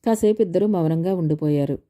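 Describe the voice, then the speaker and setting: A woman's voice: on the low side, a little fast, dark tone. A woman reading a novel aloud as an audiobook narrator, telling the story steadily and voicing the characters lightly.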